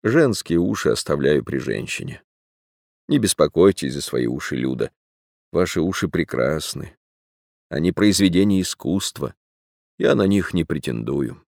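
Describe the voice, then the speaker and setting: A man reading an audiobook plays a frank, wistful man of about forty-two who speaks earnestly and gravely. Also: rumbling low, expressive, measured pace, darkish tone, no echo, clean studio sound, full character voice. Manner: earnest, grave, sentimental confession.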